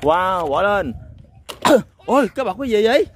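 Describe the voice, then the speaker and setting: Excitable high-voiced man. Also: normal speed, slight background noise. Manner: exclaims "wow" often, chuckles, addresses viewers. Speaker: toy vlogger. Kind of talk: excited toy-hunting vlog. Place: outdoors on a sandy lot.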